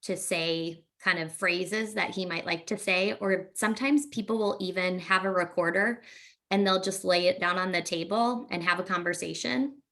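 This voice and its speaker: Gravelly-voiced woman presenting a webinar. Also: on the low side, normal speed, a bit bright. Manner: explanatory, frequent "um" fillers. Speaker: speech-language pathologist.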